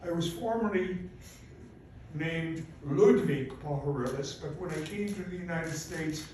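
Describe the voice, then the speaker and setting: An elderly Polish man in his eighties, a native speaker and Holocaust survivor invited to speak, delivers formal, prepared testimony at a public event. His voice sits on the high side, with a measured pace and a darkish tone. The recording comes from far off in a very echoey hall, with faint noise.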